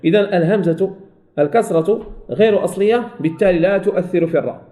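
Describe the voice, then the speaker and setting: A man teaching a Quran recitation lesson, who asks and answers his own questions and slowly repeats example words. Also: high voice, warm tone. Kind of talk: recorded tajweed lesson.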